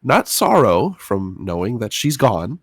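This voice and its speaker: A man talking casually as a player in a tabletop role-playing game, explaining things thoughtfully and haltingly. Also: on the low side, sing-song, dry recording.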